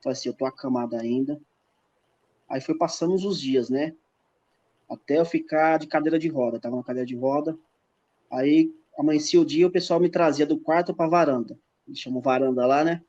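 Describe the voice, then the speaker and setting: A man's voice: a little high, fairly quick, warm tone. A man as a podcast guest, telling a personal faith testimony in casual chat and acting out the dialogue as he goes. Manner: emphatic storyteller, acts out dialogue. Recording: dull lo-fi podcast audio.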